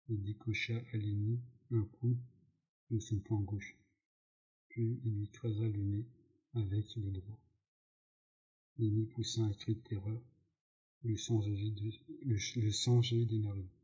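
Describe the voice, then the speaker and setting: Male audiobook narrator, plain reading with stumbles, dark mellow voice, slow. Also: fairly low pitch, level tone. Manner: slow reading with slips and self-corrections. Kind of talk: reading a novel aloud. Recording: dull lo-fi recording.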